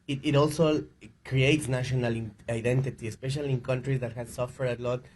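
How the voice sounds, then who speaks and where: A man's voice: medium pitch, fairly even intonation, fairly quick, a little mellow, slight background noise. A man from Ecuador speaking as a panelist at a press conference, earnest, with frequent restarts. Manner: earnest, with restarts and repeated words. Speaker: panelist advocate.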